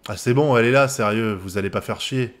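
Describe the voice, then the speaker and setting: A man's voice: mid-range voice, fairly quick, soft background music. A man from France giving live reaction commentary on an anime episode, swearing often and breaking into laughter.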